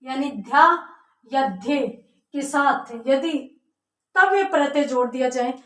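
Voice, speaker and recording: Slow high-voiced woman teaching grammar. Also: lively intonation, recorded from a distance. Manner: explains step by step, asking and answering her own questions. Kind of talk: online grammar lesson. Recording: echoey room, voice from off mic.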